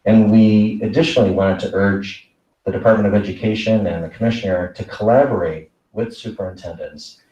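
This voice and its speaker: A man, a school superintendent presenting a report at a board meeting, measured and full of fillers. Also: on the low side, steady tone, warm tone, highs cut off. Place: meeting room. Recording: echoey room, voice from a distance.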